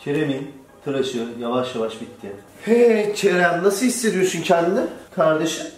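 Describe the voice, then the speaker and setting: A man's voice: a little high, animated, moderate pace, a little hiss or hum. A young man with a sniffly cold, chatting casually and jokingly as a barber hosting a vlog. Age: young adult. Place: indoor barbershop. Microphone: camera a few steps away. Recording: echoey room, distant mic, music behind.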